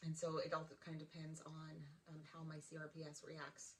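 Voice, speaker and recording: 50 yr old woman vlogging, emotional, stops n restarts, low voice, sounds far from mic. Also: completely flat delivery, slight background noise. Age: 50s. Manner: emotional, halting, with many restarts. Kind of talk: personal check-in vlog.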